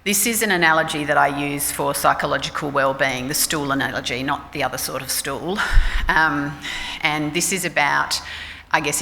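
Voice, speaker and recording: Speaking at a forum, this Australian woman in middle age, a clinical psychologist, keeps her informal talk frank, chatty and self-mocking. She has a low, creaky voice with a bright, forceful tone. The recording carries a little hiss or hum over the echoing hall's faint ambience.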